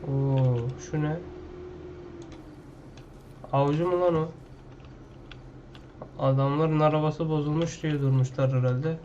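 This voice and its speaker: A man's voice: fairly high pitch, steady tone, slow, pauses often, dark tone, highs cut off, slight background noise. A man playing a video game at his computer, talking loosely and with slang, half to himself, in casual gameplay commentary. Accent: Turkish. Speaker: gaming YouTuber.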